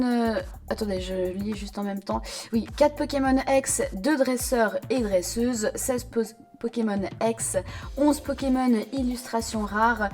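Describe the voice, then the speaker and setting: A woman YouTuber giving casual, chatty commentary, hesitant and full of fillers and self-corrections. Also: medium pitch. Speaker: card-collecting YouTuber.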